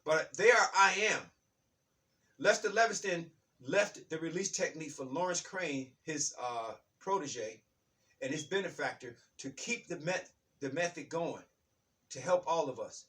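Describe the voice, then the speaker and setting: A man's voice: on the high side, unhurried, sharp tone. A man hosting his own spiritual self-help channel. He talks in a rambling, repetitive way and often restarts his phrases. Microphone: self-recorded on his own device. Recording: voice distant from the microphone.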